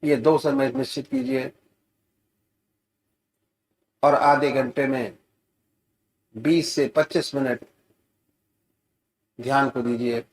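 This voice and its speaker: Slow, gentle spiritual teacher. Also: male voice, medium pitch, lively intonation, creaky. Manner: slow, gentle, soothing guidance with rising emphasis. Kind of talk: guided meditation instruction.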